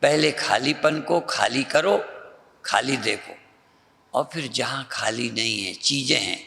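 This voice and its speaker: A male spiritual teacher from North India giving a slow, repetitive meditative discourse that guides the listener's mind. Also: medium pitch, animated, creaky, bright, forceful tone, big-room sound. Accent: Hindi, North Indian.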